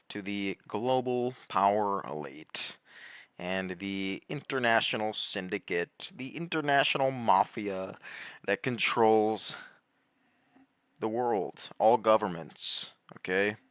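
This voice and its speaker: A man giving heated, rambling commentary, laughing often and swinging between loud outbursts and low muttering. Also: animated, takes it slowly, smooth, no echo, clean studio sound. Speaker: commentary host. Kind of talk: animated conspiracy commentary.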